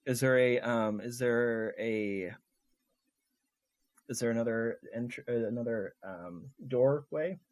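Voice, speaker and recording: A man's voice: mid-range voice, takes it slowly. A man playing a tabletop game casually, talking hesitantly with lots of ums and restarts. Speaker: player.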